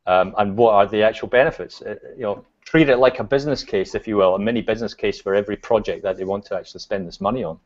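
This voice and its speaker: Over a dull, lo-fi video call, a Scottish guest speaks in a low, easygoing voice during a casual chat. He thinks aloud in a relaxed way, with frequent ums, fillers, and restarts.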